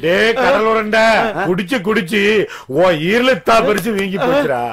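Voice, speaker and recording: A man's voice: sits high, normal speed, crowd noise, lightly acted. A man playing a weepy sentimental drunk. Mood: lamenting. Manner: wailing, lamenting drunk. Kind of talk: comic film dialogue.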